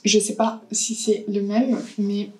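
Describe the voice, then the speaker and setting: A woman's voice: medium pitch, level tone, slow pace, a little mellow, faint music behind, rough recording. A woman, chatting casually through a beauty haul and unboxing, thinking aloud with lots of hesitations. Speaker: beauty vlogger.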